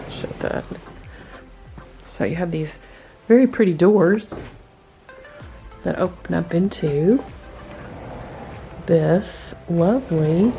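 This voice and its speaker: Slow-talking woman vlogger, music underneath. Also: on the low side, dark tone. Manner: chatty, narrating a hotel room tour. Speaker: travel vlogger. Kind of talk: casual travel vlog chat. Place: car and hotel room.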